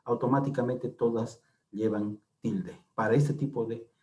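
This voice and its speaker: Guy teaching a lesson, mellow low-key tone, keeps saying "right?" and repeating stuff, patient. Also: steady tone, unhurried. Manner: repeats key words with frequent "¿no?" tags. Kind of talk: classroom lecture explaining slides.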